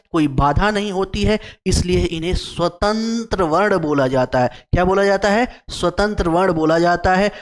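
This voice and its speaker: A man with a high, bright-sitting voice teaches an exam-prep lecture. He repeats each term, asks the class questions and answers them himself, and stretches vowel sounds out to show their length. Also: long reverb tail. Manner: repeats key terms and quizzes the class with questions.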